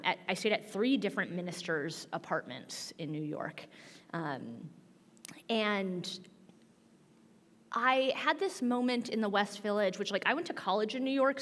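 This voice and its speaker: A middle-aged American woman telling a personal story in an animated, informal way, often saying "like" as she goes. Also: medium pitch. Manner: informal, frequent "like" as filler, laughs while telling. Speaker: minister and guest on a panel. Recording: echoey hall with long reverb.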